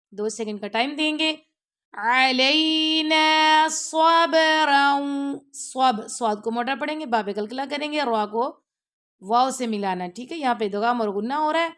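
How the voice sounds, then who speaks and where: High-voiced woman teaching patiently. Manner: patient, step-by-step explanations, often checks understanding; mixes English words into explanations. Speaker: online Quran teacher. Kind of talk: tajweed lesson.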